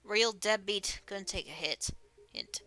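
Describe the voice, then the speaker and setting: A woman's voice: medium pitch, takes it slowly, sharp tone. A woman streamer reading game dialogue aloud in a playful manner, often laughing. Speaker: streamer playing a visual novel.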